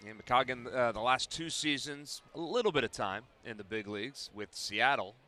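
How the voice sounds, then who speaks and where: A man working as color commentator on a baseball broadcast, offering relaxed, thoughtful analysis with some dry humor. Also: mid-range voice, normal speed.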